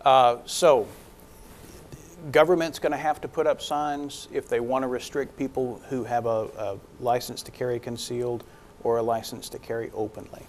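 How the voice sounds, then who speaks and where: A man's voice: mid-range voice, steady tone, moderate pace, a little hiss or hum. A middle-aged man speaking as a district attorney, explaining methodically in a public service announcement. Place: small indoor studio. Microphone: lapel mic.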